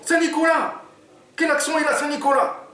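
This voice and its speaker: A man voicing a clumsy, anxious young male robber in a storybook reading, with a squeaky, alarmed way of asking questions. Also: fairly quick, pushed and bright. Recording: echoey room, distant mic, faint noise.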